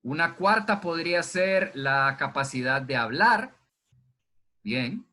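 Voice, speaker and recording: A man teaching a zoology class by video from home, talking to his students in a relaxed, conversational way and answering his own questions. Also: fairly high pitch, slow. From Honduras. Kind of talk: recorded online class lecture. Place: indoors at home during heavy rain. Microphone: computer microphone.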